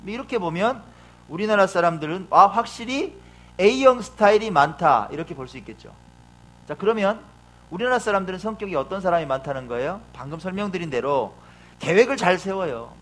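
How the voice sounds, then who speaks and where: A man's voice: high-pitched, fairly bright tone. A middle-aged man preaching a sermon as a pastor, asking the congregation questions and acting out quotes.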